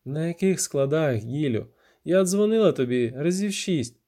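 A man's voice: lively intonation, normal speed, mellow, natural voice. A man reading an audiobook, voicing an angry, defensive young woman who snaps and accuses. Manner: shrill, accusing, snapping.

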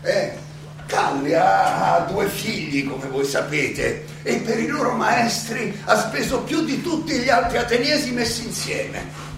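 Heard distantly in a highly echoey space with clear background noise and music behind him, an aged Athenian philosopher on trial speaks in a high, gravelly male voice. His theatrical, conversational oration is ironic and musing, halting and hesitant, full of repetitions and chuckles.

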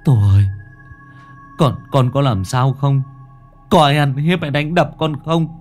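A man voicing a grieving young father who pleads in loud cries in a storybook reading. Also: medium pitch, sing-song, normal speed, breathy edge, soft background music. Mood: desperate.

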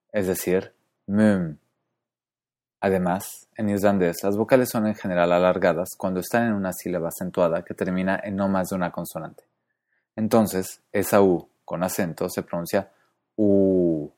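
Deep-voiced man explaining patiently. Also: darkish tone. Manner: methodical, spells out letters and repeats sounds slowly. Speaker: podcast host. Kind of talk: explanatory podcast monologue.

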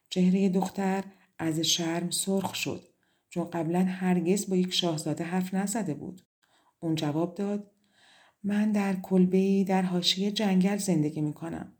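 A woman narrating a fairy tale audiobook in a measured, expressive way. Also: lowish voice.

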